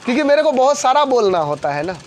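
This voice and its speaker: Fast-talking man drilling students with questions. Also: very high-pitched, big pitch swings, slight background noise. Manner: fast, repetitive call-and-response questioning. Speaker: coaching class teacher. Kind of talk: classroom physics lesson.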